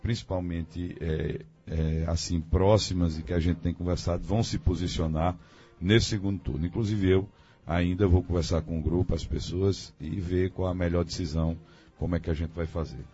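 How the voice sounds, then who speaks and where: This man speaks in a very low, husky voice, pausing and restarting as he weighs his views on a radio talk show. The sound is dull and lo-fi, with faint music underneath. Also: steady tone, mellow. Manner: hesitant, thinking aloud with many fillers. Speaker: guest commentator. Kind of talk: radio debate analysis.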